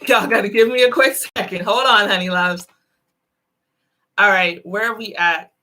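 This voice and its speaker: A woman's voice: mid-range voice, fairly even intonation, measured pace, pushed and bright. A woman giving a casual live tarot reading, chatty and giggly, calling her viewers "honey loves.". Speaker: tarot reader.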